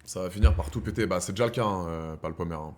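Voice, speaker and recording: This man in his thirties hosts a live stream, rambling in slang to viewers he calls his brothers. He talks fast in a low-pitched voice, moving between heated ranting and quiet reflection.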